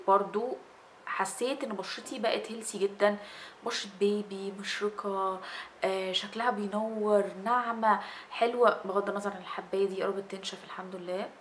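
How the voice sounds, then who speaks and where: A woman's voice: mid-range voice, a bit bright, a little hiss or hum. A young woman in her twenties with an Egyptian Arabic accent, chatting casually in a skincare product review and gesturing with her hands as she talks. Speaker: beauty vlogger. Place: small indoor room with fairy lights.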